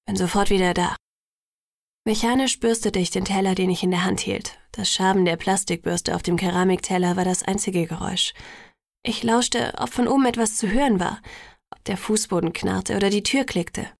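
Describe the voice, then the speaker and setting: A woman reading a first-person story aloud as an audiobook narrator, in a measured storytelling manner. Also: mid-range voice, vocal fry, no echo, studio quality. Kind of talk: scripted narration.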